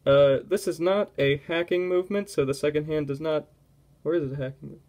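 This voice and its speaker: A young man giving a casual watch review at home, relaxed and rambling, often breaking off mid-thought. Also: a little high, normal speed. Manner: relaxed, rambling, self-interrupting. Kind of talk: casual product review vlog.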